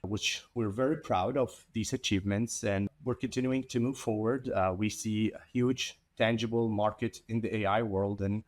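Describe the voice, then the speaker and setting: A man's voice: lowish voice, normal speed, hardly any pauses. A man from Iraq, founder of an IT services company, speaking earnestly as an interview guest with a few repeated starts. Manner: earnest, steady, some repeated word starts. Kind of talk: conversational interview.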